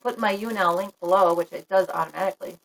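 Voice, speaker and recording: Casting note: frank, chatty woman vlogger, fairly low voice, live-stream chat. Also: fast, gravelly, a bit bright, poor audio. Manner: chatty, frank, laughs often, talks to viewers. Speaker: livestream vlogger.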